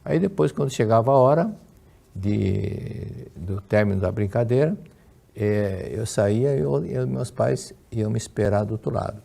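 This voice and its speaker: This religious lecturer is an older man with a Brazilian Portuguese accent and a lowish, gravelly, dark-toned voice. He speaks unhurriedly, teaching with stories and a Q&A, frequently restarting and repeating his words.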